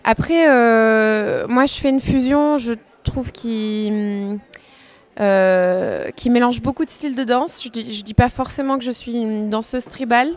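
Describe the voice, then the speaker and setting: A woman's voice: fairly high pitch, a little slow. A woman from France, a dancer being interviewed, talking casually and hesitantly, with many fillers.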